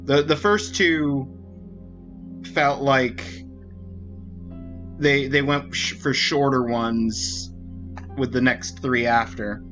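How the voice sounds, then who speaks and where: A man's voice: mid-range voice, fairly even intonation, slow pace, pauses often, fairly bright tone, dull audio, soft background music. A man streaming a puzzle game, chatting casually in a rambling way and often correcting himself. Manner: rambling, with frequent restarts and self-corrections. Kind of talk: casual commentary while playing.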